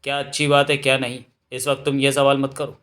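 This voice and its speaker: A man reading as a calm, commanding royal bandit. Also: mid-range voice, a little fast, close to an everyday voice. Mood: assured.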